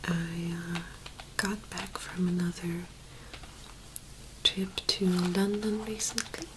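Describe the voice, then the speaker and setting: A woman speaking in a soft, hushed whisper, gently presenting an ASMR tapping video. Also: lowish voice, steady tone, takes it slowly, noisy background.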